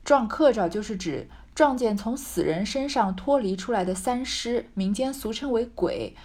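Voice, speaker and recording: A woman's voice: on the high side, animated, moderate pace, darkish tone. Woman narrator, reads a classic novel aloud and comments as she goes, thinks aloud. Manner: musing, thinks aloud with fillers. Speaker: reader and commentator.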